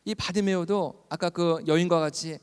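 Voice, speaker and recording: A man preaching a sermon in an earnest, fervent way, building up to loud pleas. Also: fairly high pitch, steady tone, normal speed, clean tone. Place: church hall. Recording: long reverb of a church hall.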